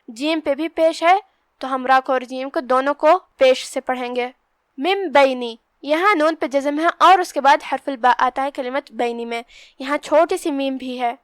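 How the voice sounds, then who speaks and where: A woman with a bright, high voice leads a Quran recitation lesson. Her voice sounds dry and close, with no room around it. She draws out each verse slowly, then goes through the pronunciation rules in a calm, steady way. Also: no room sound. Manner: slow measured recitation between plain explanations. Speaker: Quran teacher. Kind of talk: tajweed lesson.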